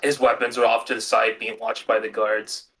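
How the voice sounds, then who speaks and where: A man's voice: on the low side, little pitch movement, vocal fry, bright, forceful tone, distant mic, a little hiss or hum, rough recording. Man narrating as game master. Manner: casual, halting narration.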